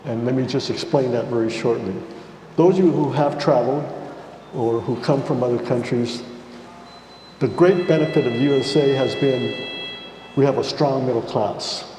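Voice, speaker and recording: A middle-aged or older man with an American accent gives unscripted, measured and explanatory remarks as a panelist. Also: mid-range voice, mellow. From United States. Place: large reverberant indoor hall. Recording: echoey hall, faint background noise.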